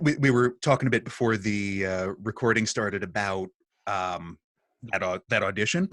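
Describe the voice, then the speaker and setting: A man's voice: lowish voice, a bit bright, no echo. A man who narrates audiobooks, talking casually on a video call, self-deprecating and full of restarts. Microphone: studio microphone.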